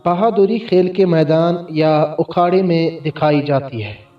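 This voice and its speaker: A man voicing a sensible young boy in a storybook, speaking slowly and reasoning. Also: fairly high pitch, pitched below the performer's own voice. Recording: roomy echo, distant, dull sound, faint music.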